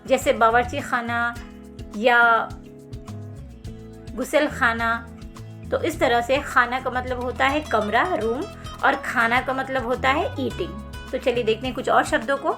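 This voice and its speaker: A woman teaching language, explaining the pronunciation of sounds and words to children in a patient, clearly enunciated way. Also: sits high, moderate pace, over music.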